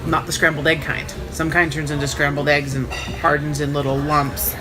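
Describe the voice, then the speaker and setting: Casting: woman with a low voice, frank and sardonic storyteller, sore and recovering post-op, music underneath. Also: level tone, moderate pace, low-quality recording. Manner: frank, wry, sarcastic. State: sore and recovering a day after surgery. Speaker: vlogger recounting own surgery. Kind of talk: casual first-person storytelling.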